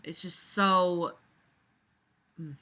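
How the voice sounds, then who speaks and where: A woman draws out her words in a fairly low, steady voice that sounds pushed and bright. As host, she reads a book aloud and critiques it, her casual commentary mixed with mocking readings, blunt, exasperated, sarcastic and full of swearing.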